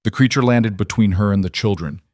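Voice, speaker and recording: A man reading a dramatic fantasy story as scripted narration, in a measured, dramatic way. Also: on the low side, darkish tone, no echo, clean studio sound.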